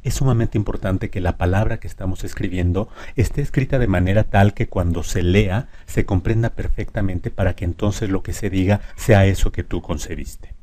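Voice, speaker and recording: A man's voice: sits low, normal speed, few pauses, dark tone. A man teaching a lesson, stressing syllables emphatically and drawing out example words. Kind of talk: explanatory lesson.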